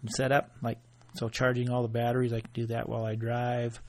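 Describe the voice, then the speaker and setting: A man hosting his own podcast alone, chatting in a loose, offhand way and thinking aloud with pauses. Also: medium pitch, monotone. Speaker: podcast host. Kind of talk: casual solo podcast monologue.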